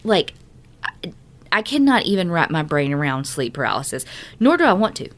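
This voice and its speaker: A woman with a somewhat low voice co-hosting a casual podcast, reading a listener's story and then reacting at length. She talks emphatically, swears often and scatters "like" through her sentences. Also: very animated, normal speed, a bit bright. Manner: emphatic, profane, uses like as a filler a lot. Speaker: podcast co-host. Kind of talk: casual chat and reading aloud.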